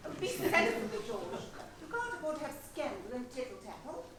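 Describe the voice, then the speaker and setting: A woman's voice: high-pitched, huge pitch swings, fairly quick, a crowd in the background. An actress playing a composed, firm English woman parting from a lover, recorded on stage in an echoey hall from a distance. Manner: firm, composed, gently scolding. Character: genteel English woman leaving by train, firm. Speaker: stage actor. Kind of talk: amateur stage comedy acting. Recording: echoey hall, far mic, noisy.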